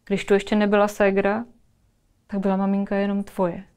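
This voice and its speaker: A woman calmly leading a guided imagery exercise in a webinar, speaking softly and narrating a scene. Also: mid-range voice, clean tone. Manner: soft, calm, storytelling.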